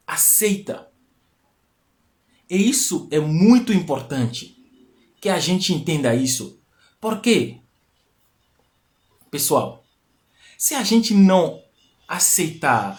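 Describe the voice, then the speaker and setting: A man teaches on a live stream through a stream mic, hosting a talk in an explanatory style that repeats key phrases and climbs to emphatic peaks. His voice is high, and Portuguese is not his first language.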